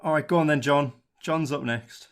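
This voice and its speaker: A young man from northeast England hosting a podcast, chatting casually and teasing his co-hosts. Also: on the high side. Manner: playful teasing, quick banter. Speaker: podcast host.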